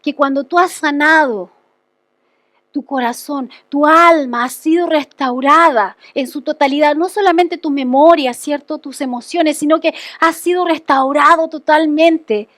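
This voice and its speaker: A woman's voice: sits high, a little slow, a bit bright, dry recording. A woman pastor giving a conversational testimony sermon, telling a personal story and often checking in with the congregation.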